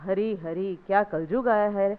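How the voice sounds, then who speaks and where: A woman voicing an old temple ascetic man who grumbles in a low, slow voice. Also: clear, resonant tone, natural voice. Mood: grumbling. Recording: thin phone-like sound.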